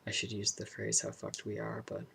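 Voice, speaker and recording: A young man talking casually and introspectively about personal matters in a vlog, halting and searching for his words. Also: fairly low pitch, completely flat delivery, gravelly, bright, forceful tone, a little hiss or hum. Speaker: vlogger.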